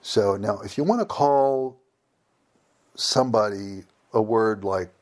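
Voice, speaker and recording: A storyteller from the United States, a man with a fairly low, slow voice, casually tells a funny anecdote. He's animated, acting out both sides of the conversation and laughing along.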